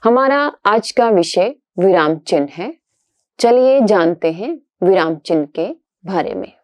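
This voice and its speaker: Slow, formal woman teaching a lesson. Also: medium pitch, animated, no echo. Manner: slow, measured, formal explanatory delivery. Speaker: online language teacher. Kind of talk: scripted lesson narration.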